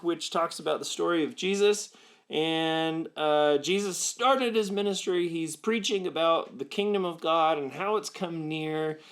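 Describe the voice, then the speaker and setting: A man's voice: on the high side, a bit bright. A young man co-hosting a student ministry video in casual chat, reading a story aloud and then teaching. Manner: upbeat, reads a choose-your-path story aloud.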